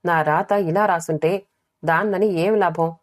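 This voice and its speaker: A woman doing a brisk young elder sister. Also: lowish voice, fairly even intonation, no room sound, studio quality, close to an everyday voice. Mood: calming. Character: young married elder sister, blunt then forgiving.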